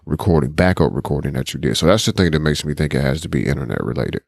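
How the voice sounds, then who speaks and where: A man's voice: very deep voice, animated, fast, creaky, no echo, studio quality. A man co-hosting a podcast, explaining tech topics in a loose, conversational way. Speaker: podcast co-host. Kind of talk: casual tech chat.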